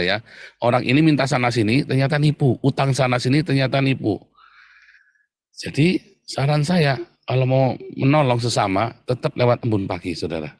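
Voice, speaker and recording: A man preaching a sermon in a conversational way, often turning to his listeners directly and growing animated when he tells stories. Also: on the low side, no room sound, studio quality. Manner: conversational, repeatedly addressing listeners as brothers and sisters.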